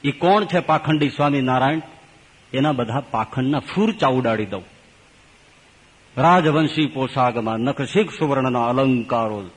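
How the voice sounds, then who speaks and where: A man with a Gujarati accent, a swami giving a storytelling scripture discourse, acting out the characters with big pitch jumps. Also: husky, in a large hall, rough recording. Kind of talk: storytelling sermon.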